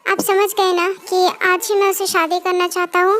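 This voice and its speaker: Girl doing a pushy young husband in a fanfic reading, begging then sneering, super high voice. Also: level tone, moderate pace, bright, forceful tone, slight background noise. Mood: insistent. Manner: pleading, then cold and contemptuous. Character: possessive young husband, pleading then scornful.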